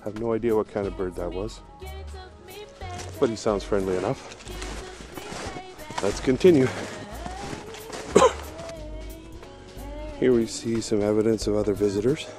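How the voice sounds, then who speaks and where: A man's voice: lowish voice, takes it slowly, long pauses, music in the background. A man narrating his walk through snowy woods, out of breath as he climbs, in an easygoing, observant way. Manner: relaxed, observant, easygoing guide. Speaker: vlogger on a woodland walk. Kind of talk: casual walking narration.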